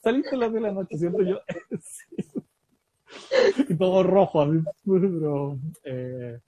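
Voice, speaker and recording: A man from Chile with a Chilean accent, telling a lively story about a quiz show win, often laughing and acting out the dialogue. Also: high voice, normal speed, highs cut off. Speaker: guest storyteller. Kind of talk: casual anecdote telling.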